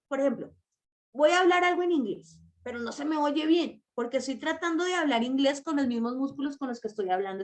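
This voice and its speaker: Woman, high voice, patient emphatic teacher speaking straight to parents. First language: Spanish. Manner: explains slowly, stresses words, addresses mothers directly. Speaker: early-childhood language teacher. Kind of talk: online masterclass lecture.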